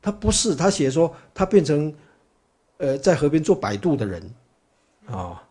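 A man's voice: a little high, big pitch swings, measured pace, a little mellow, breathy edge. A man giving a chatty Buddhist dharma talk as a teacher, full of fillers and rhetorical questions to his listeners. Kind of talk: dharma talk, storytelling lecture.

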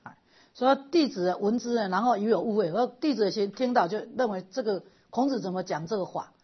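A middle-aged woman giving a lively, animated storytelling lecture as a Buddhist lay teacher. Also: medium pitch, brisk, slightly rough, dull audio.

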